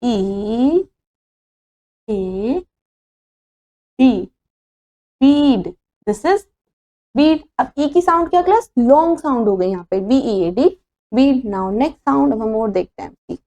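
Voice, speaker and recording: Slow, high-voiced Indian woman teacher. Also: animated, warm tone, dull audio. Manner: spells words letter by letter, mixing Hindi and English. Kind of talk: classroom phonics lesson.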